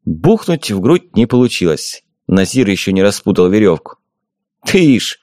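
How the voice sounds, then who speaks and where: A man narrating a fantasy audiobook in an expressive, lively reading voice. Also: low voice, moderate pace, no room sound, clean studio sound.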